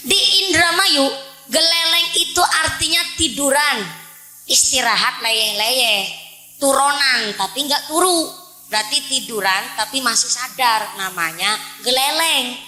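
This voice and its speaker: The recording is rough and roomy, with faint music behind, as a Central Javanese woman with a Banyumas accent jokes her way through a sermon to a village crowd. Her high voice is pushed and bright at a measured pace, and she frequently addresses the men as "Pak."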